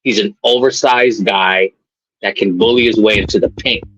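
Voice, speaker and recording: A man on a video call joining a live stream, chatting casually about basketball in a relaxed, loose way with lots of filler words. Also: lowish voice, normal speed, breathy edge, dry recording. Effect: heard over a video call. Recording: muffled lo-fi call audio.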